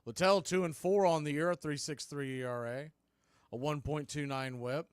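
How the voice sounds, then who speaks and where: Calling baseball live at a fan watch party, this announcer is a colloquial, informal homer who makes no secret of backing his team. His fairly high voice is smooth and steady at a moderate pace, recorded dry with studio quality.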